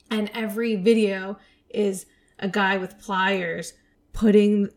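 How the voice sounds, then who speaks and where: A woman co-hosting a podcast in casual chat, upbeat and quick to laugh. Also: medium pitch, darkish tone. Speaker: podcast co-host.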